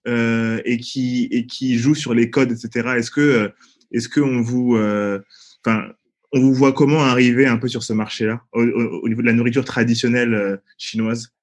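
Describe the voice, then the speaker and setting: A man's voice: mid-range voice, normal speed. Casual Parisian co-host man. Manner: relaxed, casual slang. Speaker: podcast co-host. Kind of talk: casual podcast interview.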